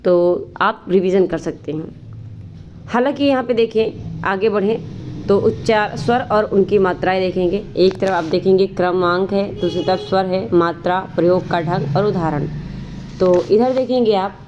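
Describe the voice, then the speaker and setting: A woman's voice: mid-range voice, normal speed, highs cut off, noisy background. A woman teaching an exam-prep grammar lesson, explaining patiently, asking herself questions and drawling vowels to show how they stretch. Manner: explanatory, repeats "ठीक है" and asks rhetorical questions; drawls vowels long to demonstrate.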